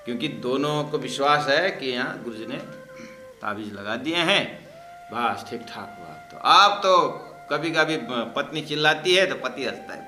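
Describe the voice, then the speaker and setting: A man, a spiritual teacher, telling a humorous story as part of a religious lesson in a jokey, lively way. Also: medium pitch, normal speed, echoey room, faint music behind.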